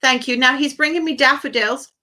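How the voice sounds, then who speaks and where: A high, bright, forceful woman's voice moves at a brisk clip. Acting as a psychic medium on a live phone-in, she lavishes her caller with endearments and blessings and delivers messages in quoted asides.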